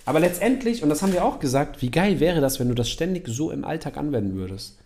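A man in his thirties hosting a podcast in casual chat, animated and slangy, laughing often as he tells stories. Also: a little high, quick pace. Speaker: podcast host.

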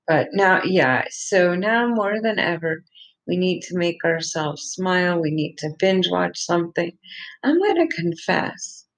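A middle-aged woman rambling in a chatty, self-deprecating solo monologue, with a flat, monotone way of speaking. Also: fairly low pitch, poor audio.

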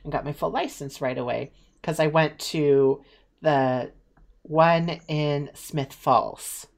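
Young woman, very low voice, chatty, casual storytelling, many fillers. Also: takes it slowly, gravelly. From Eastern Ontario, Canada. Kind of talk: casual chat.

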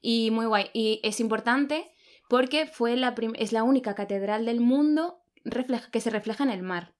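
A woman from Spain, chatting casually as a podcast co-host, laughing often and filling pauses with "eh". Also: fairly high pitch. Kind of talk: casual chat.

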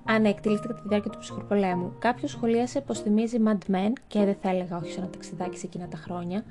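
A woman's voice: medium pitch, steady tone. A young adult woman chatting through a list of books, with wry asides and stumbles over foreign titles. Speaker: book vlogger. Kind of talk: casual book review narration. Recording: music playing behind the voice.

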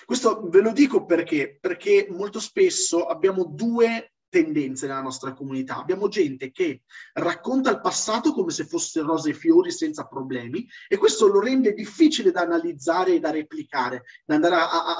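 A man with a notably high voice delivers an informal explanatory lecture. He is didactic and emphatic, stressing his points for his listeners. The sound is muffled and somewhat far from the microphone. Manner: didactic, emphatic, often checking with "ok?". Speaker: lecturer in a religious history seminar. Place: live online seminar with chat. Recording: dull distant lo-fi microphone.

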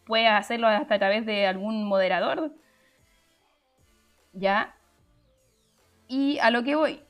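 A woman's voice: on the high side, slow, soft background music. A young woman hosts a live stream, explaining her points chattily and answering the chat, with frequent fillers and restarts.

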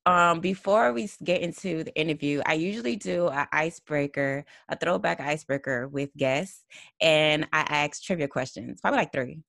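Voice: medium pitch, moderate pace, gravelly, fairly bright tone, dry recording. A young adult podcast host who talks in an upbeat, giggly, conversational way while running the interview. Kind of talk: casual interview chat.

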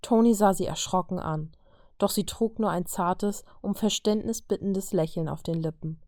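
A woman reading a story aloud in a calm, even narrating manner. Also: medium pitch, normal speed, no room sound, clean studio sound. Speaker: reader.

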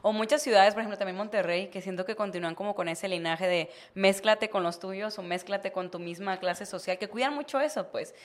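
A Mexican woman from Mazatlán hosts a podcast at an average pitch. She lays out her points in loose, slangy chat. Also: a little fast, few pauses. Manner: explanatory, relaxed, slangy. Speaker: podcast host. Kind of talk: casual chat.

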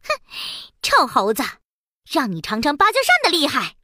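A woman's voice: high voice, wildly swooping pitch, normal speed, bright, forceful tone, no room sound, clean studio sound, full character voice. A woman voicing a haughty, bratty young princess in a children's storybook, huffy and scolding.

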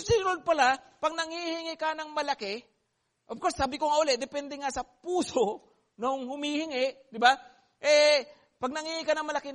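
A male pastor preaching a sermon, animated and playful, laughing between points and checking in with the congregation. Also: extremely high pitch. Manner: animated, mixes Tagalog and English, asks the congregation "di ba?".

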